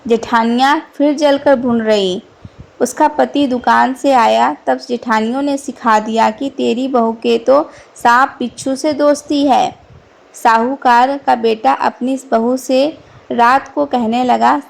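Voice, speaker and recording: Slow, gravelly woman telling a folk tale. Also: fairly high pitch. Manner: slow, even recitation of a festival vrat story. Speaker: storyteller. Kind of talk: devotional folk tale reading.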